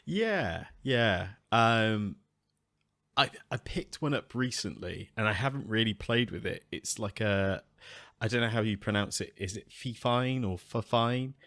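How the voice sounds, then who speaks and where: Easygoing low-voiced podcast host, man. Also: animated, unhurried, a bit bright, no echo, studio quality. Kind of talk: casual chat.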